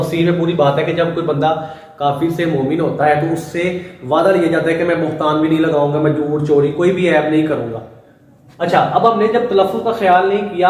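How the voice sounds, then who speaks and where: A man's voice: fairly high pitch, darkish tone. A male teacher giving a classroom lecture, explaining step by step and often checking that students follow. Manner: explains slowly with repeated "ٹھیک ہے؟" checks. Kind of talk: classroom lecture on Urdu and Arabic. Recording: very echoey room, mic at a distance.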